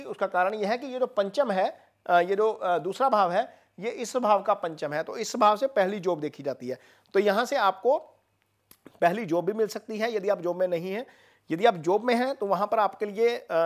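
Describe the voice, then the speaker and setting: This is an astrologer breaking down a horoscope for viewers, with a mid-range voice, a steady explanatory delivery, and many pauses filled with "uh."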